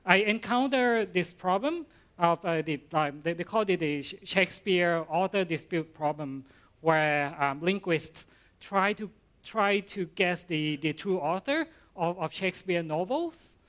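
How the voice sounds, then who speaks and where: With lively intonation and a high, slightly bright voice, a middle-aged Thai university professor gives a relaxed conference talk. His Thai-accented English is hesitant, full of fillers and repeated restarts.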